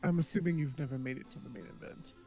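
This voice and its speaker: A man playing a calm, wary adventurer in a tabletop game, speaking quietly and evenly. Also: medium pitch, quick pace, creaky, faint music behind, close to an everyday voice.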